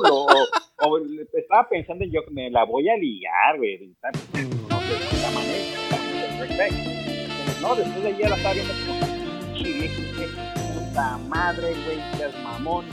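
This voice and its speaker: A man with a Mexican accent telling a crude story in casual chat, animated and profane, full of slang. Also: high-pitched, rough recording. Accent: Mexican Spanish. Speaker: podcast co-host. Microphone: phone.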